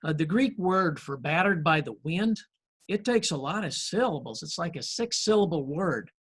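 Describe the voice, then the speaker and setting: A male pastor delivers a conversational sermon, leaning on folksy stories and light humor. His voice sits a little higher than most men's. He talks in a friendly, unhurried way with frequent pauses. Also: lively intonation, slightly rough. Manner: folksy storytelling with gentle humor.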